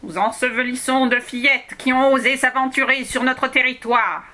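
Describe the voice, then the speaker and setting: A woman voicing a squeaky, indignant ugly male goblin in a read-aloud storybook. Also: fairly even intonation, normal speed, pushed and bright.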